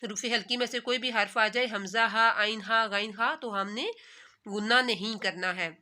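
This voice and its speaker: A woman teaching tajweed in Urdu. She recites each word slowly and drawn out, then quickly explains the pronunciation rule. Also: a little high, steady tone, sharp tone. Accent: Pakistani Urdu.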